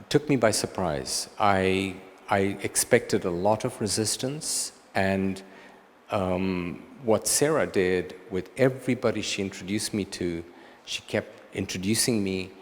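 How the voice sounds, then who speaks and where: Deep-voiced reflective man in a lecture hall. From Tanzania. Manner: reflective, unhurried, with frequent ums and restarts. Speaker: guest lecturer, photographer. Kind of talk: answering audience questions at a lecture.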